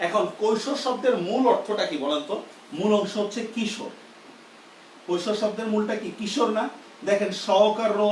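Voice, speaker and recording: A male grammar teacher, whose voice sits high for a man, leads a live online lesson, explaining step by step and often asking "do you understand?" to check his students follow. He sounds far from the mic in an echoey room with faint background noise.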